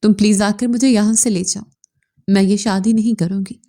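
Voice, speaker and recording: A woman's voice: medium pitch, steady tone, normal speed, dark tone, lightly acted. A woman voicing a tearful, stubborn young bride. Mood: desperate, tearful. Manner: tearful, insistent pleading.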